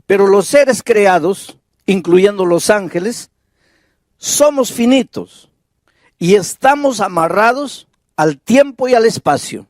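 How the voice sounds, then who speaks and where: Slow, deliberate preaching pastor, a man. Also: sits high, animated, no room sound, studio quality. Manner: reads Bible verses aloud, asks rhetorical questions. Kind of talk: sermon.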